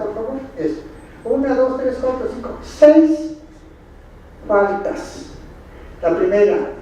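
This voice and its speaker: A man with a very high, mellow voice and a Mexican Spanish accent gives a slide lecture at a conference, quizzing the audience with dry, ironic asides. He sounds distant in a very echoey lecture hall, with faint noise in the background.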